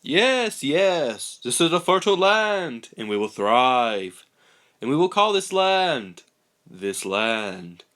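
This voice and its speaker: A man's voice: fairly high pitch, very animated, slow, a bit bright, full character voice. A man voicing a grandiose bearded male founder with a theatrical, pompous delivery. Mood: proclaiming.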